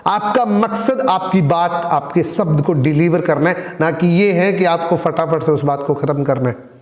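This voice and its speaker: A man's voice: a little high, measured pace. Male speaking coach, friendly lecturing tone, recorded with roomy echo. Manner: demonstrates tone by repeating the same lines in different ways; addresses listeners as friends, explains patiently. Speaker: communication skills trainer. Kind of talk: spoken training lesson. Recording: roomy echo with long reverb.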